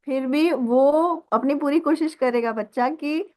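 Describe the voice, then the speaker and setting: Thirties mom, high voice, casual questioner on a call. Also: female voice, measured pace, a little mellow. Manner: asks questions, speaks casually. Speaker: class participant.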